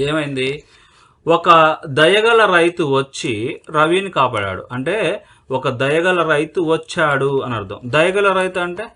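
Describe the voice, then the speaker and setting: A man teaching English vocabulary and grammar, explaining word by word, asking himself questions and answering them, and slowly dictating sentences. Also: on the high side, bright, forceful tone. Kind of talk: spoken English lesson in Telugu.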